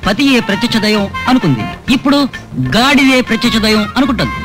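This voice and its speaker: Name: none. Sex: a sly trickster. Style: rapid, lively film comedy. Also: male voice, very high-pitched, over loud music. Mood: mocking. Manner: sly, fast and teasing. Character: scheming male trickster conning a widow. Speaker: comic film character.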